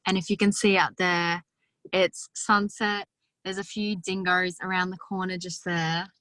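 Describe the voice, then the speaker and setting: Young Australian woman, bright and forceful tone, dry sound, phone outdoors. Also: fairly low pitch, flat delivery, a little slow, dry recording, poor audio. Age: young adult. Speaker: youth council member. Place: outdoors at sunset on an island.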